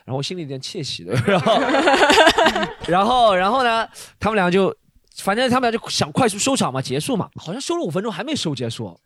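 A man's voice: sits high, sing-song, fast talker, fairly bright tone, dry recording, studio quality. A man hosting a podcast, telling a story in casual chat, acting out the quoted lines and laughing often. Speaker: podcast host.

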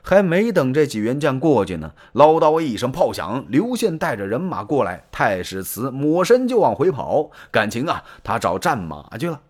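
A man performing a traditional pingshu story, animated and colloquial. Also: medium pitch, moderate pace, few pauses.

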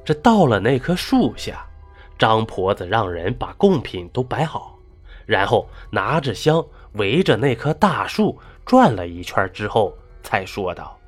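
A man's voice: lowish voice, very animated, measured pace, soft background music. A man narrating a folk ghost story in a dramatic, rising and falling delivery.

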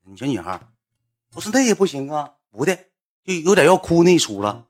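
A man with a Northeastern Mandarin accent telling a slangy, animated story to a livestream audience, swearing freely. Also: on the high side, fairly quick. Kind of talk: casual anecdote telling.

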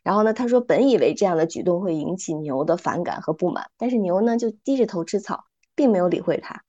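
A middle-aged woman speaking calmly and thoughtfully as a podcast guest, retelling little stories as she reflects. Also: fairly low pitch, fast, dull audio. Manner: calm, thoughtful, retells stories with light acting. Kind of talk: reflective casual chat with storytelling.

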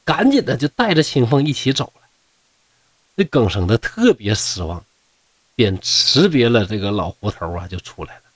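A man's voice: medium pitch, very animated, normal speed, husky, dry recording. A middle-aged man with a Northeastern Mandarin accent telling a classic tale in a folksy, joking way, with asides to his listeners. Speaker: storyteller. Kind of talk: comic folk-tale storytelling.

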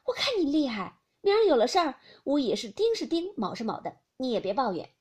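A woman reading aloud as a quick-witted, shrewd young noblewoman who answers with brisk, glib retorts. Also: high-pitched, big pitch swings, darkish tone, husky, voice pushed up, heavily acted. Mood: sly.

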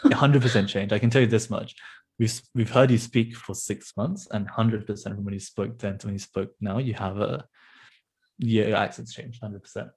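A man's voice: fairly low pitch, steady tone, normal speed, darkish tone, breathy edge. A man in casual podcast chat, talkative and full of "like", laughing easily. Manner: chatty, fills speech with "like", laughs easily.

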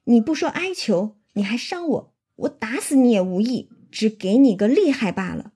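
Woman storyteller playing a scornful young swordsman, husky, commanding and cold. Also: high voice, sing-song, normal speed, darkish tone, heavily acted.

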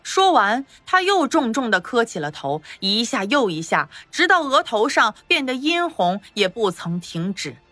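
A woman giving expressive scripted narration for a palace audio drama. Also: a little high, a little slow, few pauses, dry recording, soft background music.

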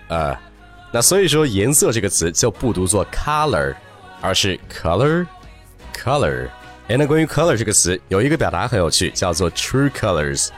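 Man, pronunciation teacher; animated delivery, lowish voice, slow drawn-out demo words. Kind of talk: lively spoken lesson.

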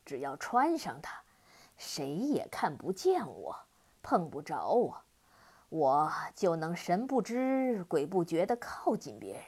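A woman voicing a boastful, cruel horned demon king in a children's storybook reading, with a gloating, booming delivery. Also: big pitch swings, slow, a little mellow, slightly rough, full character voice.

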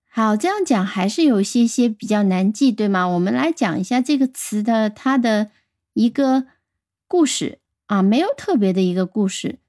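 A woman giving a radio vocabulary lesson, pronouncing words slowly and carefully and spelling them out letter by letter. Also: on the high side, warm tone, no room sound, studio quality. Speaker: English vocabulary teacher.

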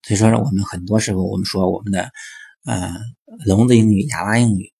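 Man, low gravelly voice, dry close sound, chatty teacher monologue full of filler particles. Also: steady tone, a little fast, dark tone, no room sound. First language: Chinese. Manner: chatty, frequent filler particles and rhetorical questions. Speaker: English teaching commentator. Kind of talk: explanatory monologue.

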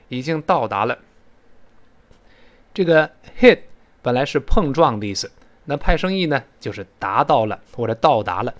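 A male English teacher teaches a spoken English lesson. His pitch moves a lot as he explains words, spells them letter by letter and sounds them out slowly for the class to repeat.

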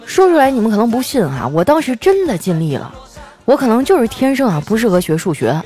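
Woman comedian, animated up-and-down voice, playful, laughing often, quiet music underneath. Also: on the high side, fast talker. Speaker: host. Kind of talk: comic storytelling monologue.

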